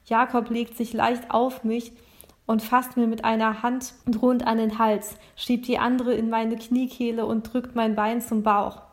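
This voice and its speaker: A woman narrates a first-person story, reading it aloud in a plain, earnest way. Her voice sits a little higher than most women's. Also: little pitch movement, unhurried.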